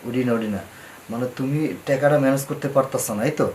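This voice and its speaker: A man's voice: mid-range voice, fairly even intonation, quick pace, darkish tone, a little hiss or hum, natural voice, poor audio. An actor playing a pushy, greedy male moneylender who talks bluntly in dialect. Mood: demanding. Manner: blunt, demanding, coarse dialect. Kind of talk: TV drama acting.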